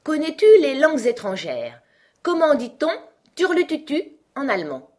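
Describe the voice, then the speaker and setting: Woman voicing the Red Queen, shrill and scolding. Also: huge pitch swings, normal speed, darkish tone. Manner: curt, scolding questions. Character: bossy stern queen, sharp and lecturing. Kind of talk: audiobook character reading.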